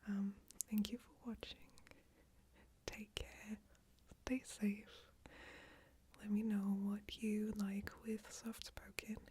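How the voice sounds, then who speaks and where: Hushed, slow, whispering ASMR woman. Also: medium pitch, monotone. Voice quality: hushed, breathy, mostly whispered voice. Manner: hesitant, self-deprecating, casual. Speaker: ASMR video creator. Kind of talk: soft-spoken ASMR bedtime ramble. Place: small closed room with screens and a PC. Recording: faint background noise, occasional crackles and clicks. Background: occasional crackling from screens and PC.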